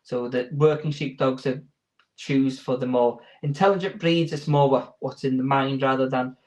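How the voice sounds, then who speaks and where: A man's voice: medium pitch, fairly even intonation, moderate pace, darkish tone. A man giving informal interview answers as a sheepdog handler, explaining in a hesitant, rambling way.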